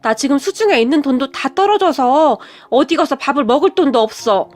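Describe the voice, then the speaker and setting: A woman voicing a pleading, destitute middle-aged birth mother who speaks slowly and begs. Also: sits high, animated, soft background music. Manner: pleading, slow and drawn out.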